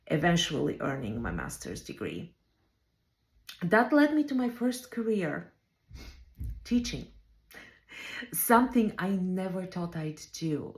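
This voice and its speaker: A woman with a Bulgarian accent, a native Bulgarian speaker, who leads home care operations. She reflects on her career in a measured way, with frequent ums. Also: low-pitched, echoey room.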